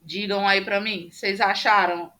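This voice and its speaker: Woman teacher on a video call, slow and patient, bright voice. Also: mid-range voice, fairly even intonation. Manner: patient, explaining step by step with many fillers. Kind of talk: online class lecture. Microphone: computer mic on a video call.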